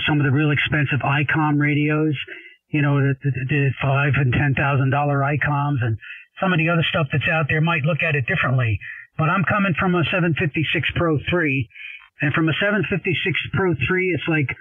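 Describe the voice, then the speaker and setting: An amateur ham radio operator with a fairly high voice talks casually, rambling along in a folksy, eager manner. Speaking into a desk radio microphone, he comes through dry and narrow, like a phone, as shortwave transmission.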